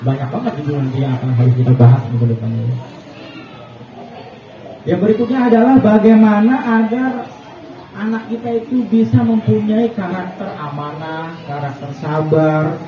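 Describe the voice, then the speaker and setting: High-voiced chatty preacher, echoey distant room. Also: male voice, moderate pace. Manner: chatty, asks the audience questions, chuckles often. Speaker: preacher addressing parents. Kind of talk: casual religious talk to an audience. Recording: echoey, distant, dull, noisy room recording.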